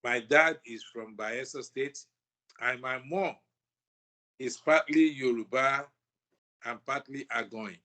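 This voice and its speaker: A man from Nigeria with a Nigerian accent, talking as a guest in a lively, reminiscing way. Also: mid-range voice, slow pace, long pauses. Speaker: guest, brass band musician. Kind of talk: interview guest chat.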